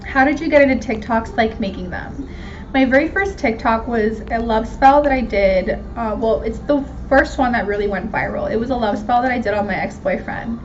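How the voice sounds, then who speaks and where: A Miami, Florida native, twenty-nine and with an American accent, hosts a vlog answering viewer questions, her voice on the high side and her pace moderate. She keeps it casual, candid and slangy, mocking herself along the way, while the dull lo-fi recording picks up background noise.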